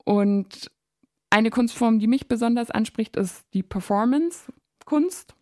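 A woman presenting an arts segment and interviewing two artists in a calm, measured way. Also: fairly high pitch, no room sound, clean studio sound. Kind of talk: radio feature and interview.

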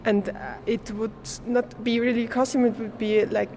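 The guest artist, a young German-speaking woman from Switzerland, replies to interview questions in English at normal speed. Her fairly high voice is a little mellow with little pitch movement, and she laughs lightly and hesitates as she searches for words. A slight hiss or hum is audible.

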